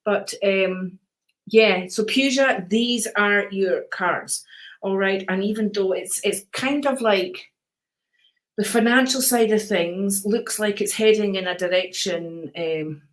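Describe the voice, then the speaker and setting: Speaking slowly in a medium-pitched voice, an older Scottish woman runs a live card-reading stream and chats easily with viewers. She sounds calm and soothing, repeatedly using endearments like darling and sweetheart.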